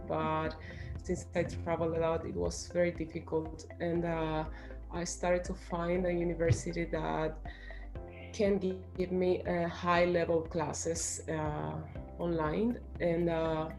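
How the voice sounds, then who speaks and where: A woman's voice: lowish voice, vocal fry, a little mellow. A woman student athlete giving an earnest, hesitant testimonial.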